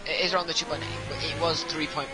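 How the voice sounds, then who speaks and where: A man's voice: a little high, little pitch movement, quick pace, over music. A man co-commentating a sim race, cutting in with dry, teasing remarks. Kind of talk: live sim racing co-commentary.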